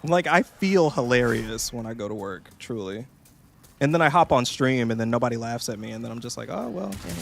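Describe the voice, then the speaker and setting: A man's voice: medium pitch, expressive, a little fast, vocal fry, background noise. A young man streaming a game, chatting casually in a jokey, profane, rambling way and slipping into mocking voices. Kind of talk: casual gameplay streaming chat.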